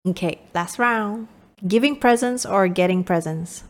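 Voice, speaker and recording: A woman's voice: medium pitch, measured pace. A woman co-hosting a podcast in casual chat, laughing often. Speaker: podcast co-host.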